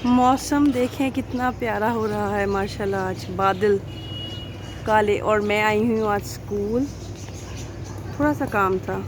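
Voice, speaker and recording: Pakistani-accented woman in her thirties, quick chatty vlog host, slightly high voice, faint noise behind. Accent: Pakistani Urdu. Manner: fast-talking, chatty, laughs easily. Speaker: vlogger and schoolteacher. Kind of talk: casual vlog chat and cooking demo.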